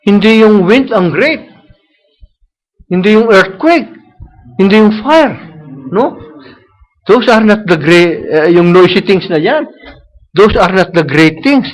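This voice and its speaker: High-voiced preacher. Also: male voice, poor audio. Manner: switches between Tagalog and English, tags lines with "No?"; repeats himself for emphasis. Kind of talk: sermon. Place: church service.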